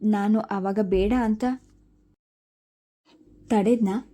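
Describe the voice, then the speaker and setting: A stern stepmother aunt who scolds in a sharp, controlling way, as a woman reader puts her on. The voice is very dark and mellow, at an ordinary middle pitch for a woman. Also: steady tone, moderate pace, natural voice. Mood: scolding.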